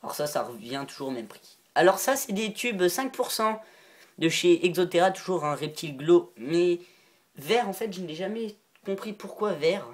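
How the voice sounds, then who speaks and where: A man's voice: high voice, expressive, normal speed. A male vlogger talking through a casual show-and-tell, chatty and loose. He rambles from item to item, breaks into giggles and freely admits he is not sure of the details. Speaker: reptile-keeping video maker.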